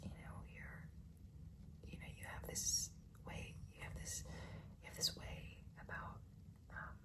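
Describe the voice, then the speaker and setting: Woman's slow, secretive whispered role-play. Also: recorded from a distance. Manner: whispering confidingly, as if sharing a secret; hesitant, repetitive phrasing. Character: flirty, doting female teacher with an overnight guest. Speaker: ASMR role-play performer.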